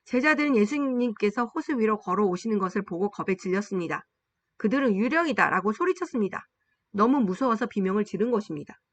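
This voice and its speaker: A woman teaching a Bible-based English lesson. She explains in Korean and reads English sentences slowly and deliberately, repeating phrases for learners to follow. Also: medium pitch, expressive.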